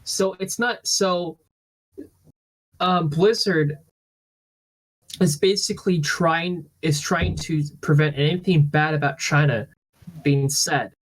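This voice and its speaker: A man hosting a casual podcast, explaining things in a halting, rambling way. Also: on the high side, low-quality recording. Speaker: podcast host.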